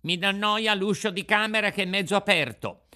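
A man voicing a stubborn, whining wooden puppet boy in a storybook reading, pitched well above his own voice. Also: moderate pace, sharp tone. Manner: whining, shrill protests.

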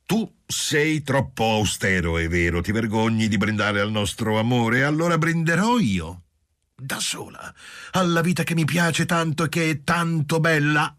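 A man's voice: mid-range voice, expressive, unhurried, fairly bright tone, pitched above the performer's own voice. A man reading an audiobook voicing a tipsy young bride, giggly and exclaiming. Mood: drunk, giddy. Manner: exclaiming, giggly, slurred gaiety.

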